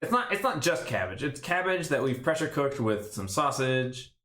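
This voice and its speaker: A man's voice: mid-range voice, very animated, moderate pace, pushed and bright, echoey room, soft background music. A man streaming a card game, thinking aloud in casual play-by-play commentary with rambling, self-mocking asides. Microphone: desk stream mic.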